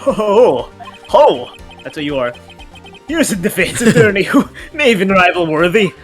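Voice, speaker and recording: A man's voice: high voice, sing-song, normal speed. Guy doing a fake irish accent for a smug old police chief in a game dub, patronizing, chuckly, music behind. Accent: put-on Irish. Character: scheming smug older male police chief.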